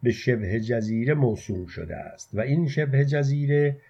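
A man voicing a gruff male soldier who guards a city gate, talking harshly and loudly in a muffled lo-fi recording. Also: medium pitch, expressive. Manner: harsh, barking.

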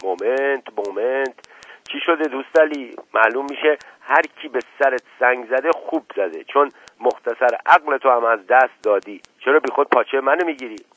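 Man doing a teasing, sharp-tongued nobleman. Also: mid-range voice, voice pushed up, natural voice. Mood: mocking. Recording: tinny dry radio recording.

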